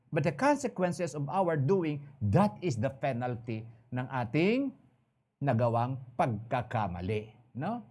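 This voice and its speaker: A man's voice: fairly high pitch, darkish tone. A Filipino man preaching a conversational sermon as pastor, switching between Tagalog and English and telling personal stories.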